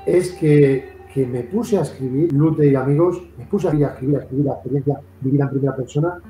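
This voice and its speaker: A Madrid man with a Castilian Spanish accent hosts a casual interview, talking in a long, rambling, repetitive way. His mid-range voice is mellow and fast, with faint music behind him and an echoey room.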